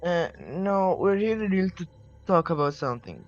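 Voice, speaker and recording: A man's voice: sits high, expressive, moderate pace, dull audio. Hesitant man playing his character. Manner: hesitant, stumbling. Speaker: player. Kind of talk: in-character tabletop role-play.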